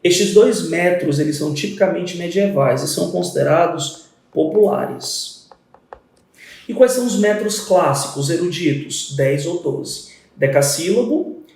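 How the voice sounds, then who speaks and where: Male teacher, fairly high voice, patient step-by-step explainer, recorded a little off-mic. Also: a little mellow, roomy sound, distant mic. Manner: methodical, explains step by step and counts syllables aloud. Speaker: literature teacher. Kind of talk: exam-prep literature lesson.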